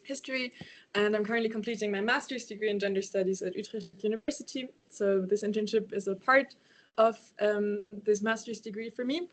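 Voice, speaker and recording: Woman in her 20s presenting on a video call, lots of ums and yeahs, middle pitch. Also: fairly even intonation, a little fast. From Germany. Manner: hesitant, many ums and yeahs, laughs lightly. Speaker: intern presenting a project.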